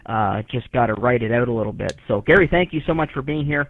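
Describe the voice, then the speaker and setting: A man's voice: mid-range voice, lively intonation, fast talker. A man running an amateur radio net as net control, heard over a ham radio receiver, polite and formal, with many "uh" fillers as he spells out call signs in the phonetic alphabet. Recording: tinny radio receiver audio.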